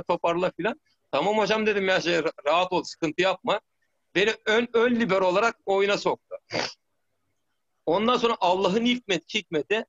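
A middle-aged former footballer tells rambling stories in a casual interview, restarting often and checking in with "tamam mı?" again and again. His voice is high-pitched and a bit bright, and the sound is lo-fi.

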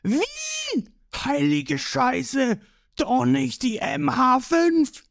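A man voicing rowdy, crude male pirate crewmen who yell in high screeching voices, in a read-aloud manga story. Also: sing-song, drawn-out words, vocal fry, no echo, clean studio sound, heavily acted.

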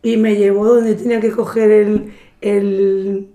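Speaking slowly and in a level tone, this woman recounts her travels as a podcast guest, mimicking the people she quotes and cursing without restraint. Her mid-range voice is warm and mellow, with a roomy echo from the room around her.

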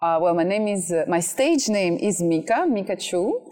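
A cheerful woman in her thirties, born in Russia and raised in France, chats casually as an interview guest outdoors at a villa; she is an MC and content creator. She laughs often and speaks in short phrases, her fairly low voice animated, slightly mellow, and moderately paced.

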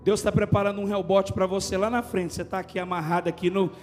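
A male pastor from Goiânia with a Brazilian accent, preaching an animated, jokey sermon in a church and often shouting. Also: high voice, quick pace, long reverb tail, faint music behind. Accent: Brazilian Portuguese, from Goiânia. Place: church hall.

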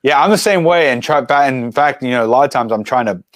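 A man in his forties talks as a guest on an interview show, explaining his filmmaking in an animated, chatty way. His voice sits in a middle pitch and sounds dry and close, with no room around it. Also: quick pace, no room sound. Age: 40s. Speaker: guest, filmmaker and mountain biker. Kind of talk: casual interview chat.

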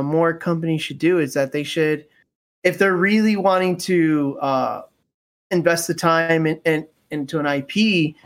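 A man with a somewhat higher-pitched voice talks casually about games as a podcast co-host. He rambles, circling back with fillers and restarts as he builds his point.

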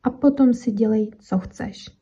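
A woman voicing a small, frightened wooden pencil that begs a mouse to let it go, speaking higher and louder as it pleads. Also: unhurried, breathy edge, dull audio. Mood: pleading.

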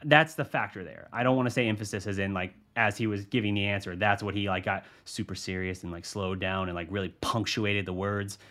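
A man's voice: fairly low pitch, fairly even intonation, brisk, few pauses, fairly bright tone. A man hosting a sports podcast, talking through his views casually and thinking aloud, with frequent restarts. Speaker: podcast host, sports journalist. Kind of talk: solo sports podcast commentary.

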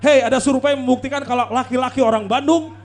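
High-voiced Sundanese man joking on stage. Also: steady tone, quick pace. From West Java, Sunda. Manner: joking, lecturing tone with punchlines. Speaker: comedic performer. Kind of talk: comic stand-up talk.

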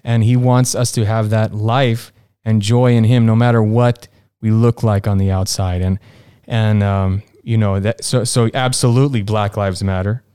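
A man's voice: fairly low pitch, fairly even intonation, moderate pace, few pauses, mellow, clean tone, no room sound, studio quality. A man hosting a faith-based panel discussion, talking in a searching way and repeating words as he goes. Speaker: panel host.

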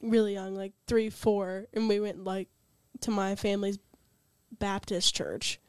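Woman, smooth voice, flat pitch, brief casual remarks, dry sound. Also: moderate pace, no echo. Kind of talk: casual chat.

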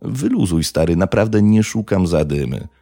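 Narrator as young man keeping the peace, low-key and placating, deep. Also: sing-song, normal speed, mellow, dry recording, full character voice. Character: young man trying to calm a fight.

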